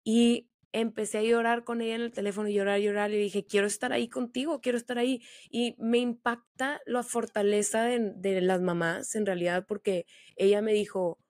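A woman's voice: mid-range voice, flat delivery, darkish tone, no echo, studio quality. A young woman hosting a podcast, chatting casually with slang. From Monterrey, Mexico. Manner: chatty, slangy, quick storytelling. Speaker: podcast host.

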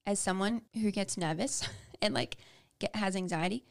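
A young woman with a gravelly, medium-pitched voice speaks at a moderate pace. Co-hosting a podcast, she candidly tells personal stories in casual chat, using plenty of fillers.

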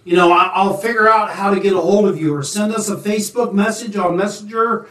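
Casual male show host, high voice, informal and reassuring to viewers, sounding off-mic in a roomy space. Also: a little fast, a bit bright. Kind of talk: casual video show hosting. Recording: echoey, distant microphone.

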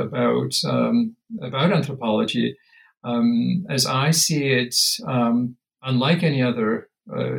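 In an academic interview on a low-quality recording, an anthropology professor in his fifties, born in Lithuania, talks thoughtfully with frequent fillers and hesitations. His voice is medium in pitch, a bit bright, with vocal fry.

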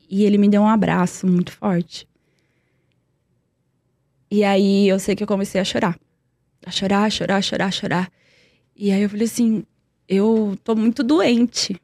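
A woman's voice: mid-range voice, a little mellow, dry recording, clean studio sound. A young woman telling a personal story in earnest, repeating words for emphasis. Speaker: guest.

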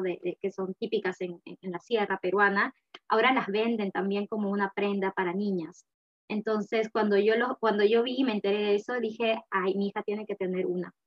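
Woman, guest, chatty and warm-paced, dull lo-fi mic. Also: medium pitch, flat delivery, normal speed. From Peru. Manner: chatty, frequent fillers and laughter. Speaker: guest, mother. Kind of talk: casual conversation. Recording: slightly dull lo-fi recording.

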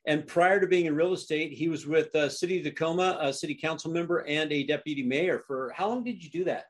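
A man's voice: fairly high pitch, fast talker. A man hosting a podcast interview, enthusiastic and full of uhs as he talks. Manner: enthusiastic, filler-heavy with many uhs. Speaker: podcast host. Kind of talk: casual interview.

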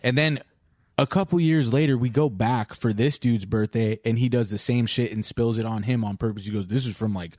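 A young man chats casually, jumping in to add details to his friend's story. His voice is at an average pitch for a man. The recording is dry and close-miked. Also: brisk, a little mellow, no room sound. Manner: chiming in, backing up the story. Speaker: podcast co-host. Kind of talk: casual chat.

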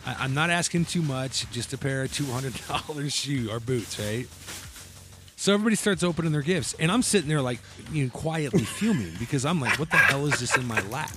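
A man's voice: medium pitch, lively intonation, brisk, background noise. A man co-hosting a casual podcast, telling a family story and acting out the quotes with laughs. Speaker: podcast co-host.

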